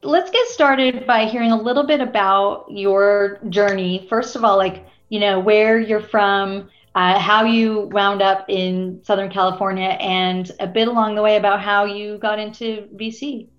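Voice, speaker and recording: A woman's voice: medium pitch, fairly even intonation, a little slow. Woman interviewer on dull lo-fi audio. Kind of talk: interview question.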